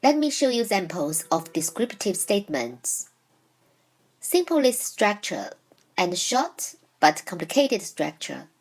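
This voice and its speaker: In this scripted Mandarin lesson, a native Chinese-speaking woman stays measured and clearly enunciated, slowing down for example sentences. Her mid-range voice is very animated, and the recording sounds rough.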